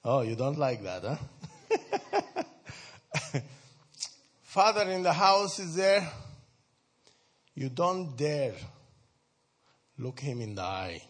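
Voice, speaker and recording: A man's voice: mid-range voice, big pitch swings, slow, long pauses, fairly bright tone. A man from Sudan, giving a conversational talk to a church group, asking his listeners questions and laughing often. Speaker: speaker addressing a church group. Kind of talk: informal talk to an audience.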